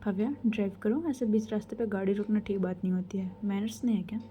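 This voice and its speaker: A woman's voice: mid-range voice, fairly even intonation, quick pace, warm tone, highs cut off, a little hiss or hum, lightly acted. A woman doing a bossy tipsy young woman. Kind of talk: storybook voice acting.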